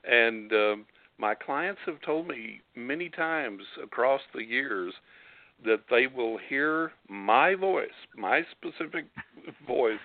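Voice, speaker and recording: A man's voice: mid-range voice, expressive, takes it slowly, no echo. A man with a West Texas twang and a distinctive drawl, chatting and telling stories in a folksy way as a psychic guest. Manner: folksy, chuckles while telling anecdotes. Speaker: psychic giving readings as guest on a call-in show. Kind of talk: casual talk and storytelling. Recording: narrow, phone-like line.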